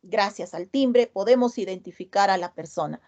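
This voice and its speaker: A middle-aged woman teaching over a slightly muffled video call, her voice sitting at an ordinary middle pitch. She works through each term step by step, repeats the key words and keeps asking the class questions. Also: moderate pace, darkish tone. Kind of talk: online class lecture.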